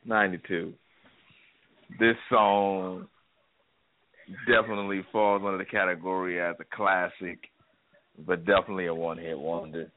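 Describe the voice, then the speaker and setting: A man's voice: low-pitched, level tone, normal speed, long pauses. A man co-hosting a podcast in casual chat, laid-back, often stammering on his words. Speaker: podcast co-host. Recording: tinny phone-like line with faint noise.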